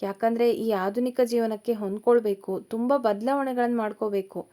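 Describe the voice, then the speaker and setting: A woman voicing an affectionate young male college student who speaks gently and reassuringly in a storybook reading. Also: on the high side, fairly even intonation, normal speed, lightly acted.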